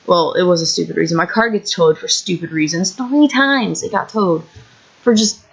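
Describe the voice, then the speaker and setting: A fairly low, gravelly voice with a breathy edge and a moderate pace belongs to a roughly thirty-year-old Illinois woman. She's on her home couch, candidly rambling about her troubles for a vlog, frustrated and down on herself. The audio is dull.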